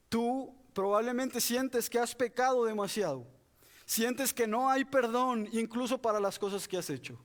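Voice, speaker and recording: A man preaching an expository sermon, earnest and direct, often calling his listeners "brother". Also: high voice. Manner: earnest, addresses listeners as "hermano".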